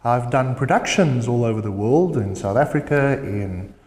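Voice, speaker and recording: A man's voice: medium pitch, expressive, normal speed, darkish tone. A male opera singer answering questions as a guest on a comedy cooking show, with dry, amused replies. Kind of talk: casual interview banter. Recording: echoey hall with music.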